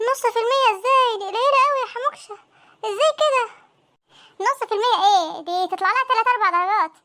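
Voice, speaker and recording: A woman voices a group of panicky teenage students dreading their exam results in a comic cartoon, using an Egyptian Arabic accent. The voices are extremely high and sharp, squeaky and sped up, chattering at a breakneck pace.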